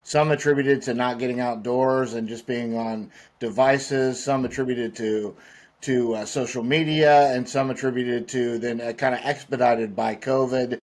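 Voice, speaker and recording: A man's voice: medium pitch, steady tone, moderate pace, darkish tone. A man hosting a podcast, conversational and friendly, asking long questions. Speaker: podcast host. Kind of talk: casual interview talk.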